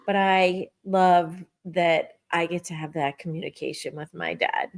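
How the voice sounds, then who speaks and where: A middle-aged woman sharing a personal story in a casual podcast chat, animated and acting out her own quotes. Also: fairly low pitch, measured pace, gravelly. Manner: lively, animated retelling with acted-out quotes. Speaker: podcast guest.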